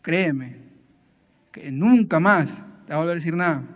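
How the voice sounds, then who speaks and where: A man's voice: a little high, moderate pace, in a large hall. A man giving a family sermon in a church, talking in a conversational way, often tagging questions and acting out short dialogues. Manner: conversational preaching, frequent tag questions, acts out dialogues. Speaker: church speaker.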